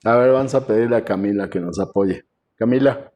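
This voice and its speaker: A man lecturing an online class as professor, talking in a conversational way with many fillers and frequent throat clearing, over a video call. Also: lowish voice, fairly quick, a little mellow, slight background noise.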